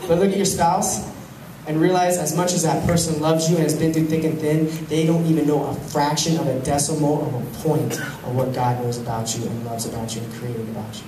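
A young man preaching a sermon on a handheld mic, animated, swinging from loud to hushed. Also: a little high, fairly quick. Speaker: pastor. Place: large church hall with stage. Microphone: handheld mic, filmed from the pews. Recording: echoey hall, far camera, faint hum.

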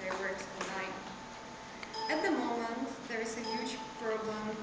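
A young woman gives a confident, rehearsed startup pitch as a presenter in a meeting room. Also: a little slow. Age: young adult. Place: small meeting room, standing by projector screen. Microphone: far camera. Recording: echoey noisy room, far mic.

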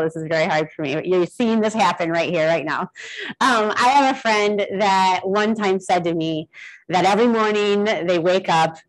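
A woman's voice: fairly low pitch, rough recording. A young adult woman giving an informal, rambling talk about her art to a gallery audience, with many fillers. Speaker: guest artist giving a talk. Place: gallery event in front of an audience.

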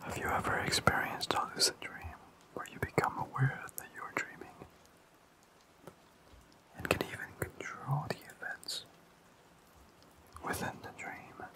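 An ASMR host rambling calmly in a fully unvoiced, slow and soothing whisper. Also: low-quality recording.

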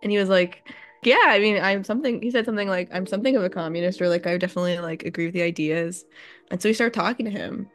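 A woman's voice: lowish voice, racing, soft background music. A woman telling a casual story on a podcast, rambling with lots of fillers. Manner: rambling, many likes and you-knows. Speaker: party member sharing an anecdote.

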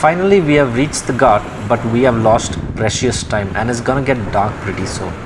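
A young man from India talks through his helmet mic as he rides, easygoing and plain-spoken, at a mid pitch. Road and engine noise hum clearly behind him. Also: a little fast. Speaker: motovlogger. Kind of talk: casual travel vlog narration. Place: on a motorbike on a road.

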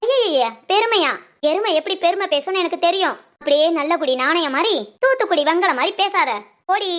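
Woman voicing a shrill scolding village mother-in-law. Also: lively intonation, fairly quick, a bit bright. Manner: scolding, curt retorts. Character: sharp-tongued bossy village mother-in-law, middle-aged. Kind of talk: cartoon voice acting.

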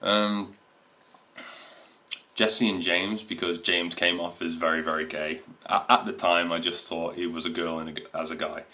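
Casting: twenties male vlogger, low voice, loose, meandering chat to camera. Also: little pitch movement, normal speed, bright, forceful tone. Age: 20s. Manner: rambling, many fillers and restarts. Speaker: video host. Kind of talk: casual to-camera talk. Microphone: camera mic.

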